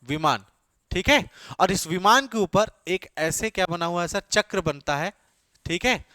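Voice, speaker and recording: Lecturing for exam prep, this man speaks Hindi mixed with English terms and keeps answering the questions he puts to his own class. His voice is high-pitched and sharp, with lively intonation and a slightly slow delivery. The dry recording sounds clean, like a studio.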